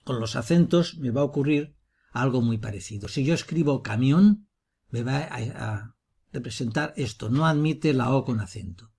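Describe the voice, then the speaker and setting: A man with a husky, slightly breathy voice walks through a screen-recorded software lesson. He explains each step patiently and methodically, at a mid pitch. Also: normal speed. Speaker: teacher.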